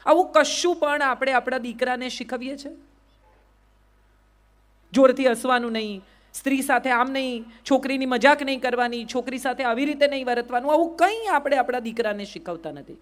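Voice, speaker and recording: A middle-aged woman with a Gujarati accent giving a lively motivational speech, often putting questions straight to her audience. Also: sits high, fairly quick, hardly any pauses. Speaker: public speaker.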